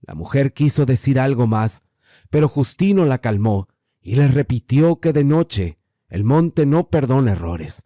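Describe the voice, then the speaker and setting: A man's voice: medium pitch, expressive, a little slow, warm tone, no room sound, studio quality. Man narrating a horror tale.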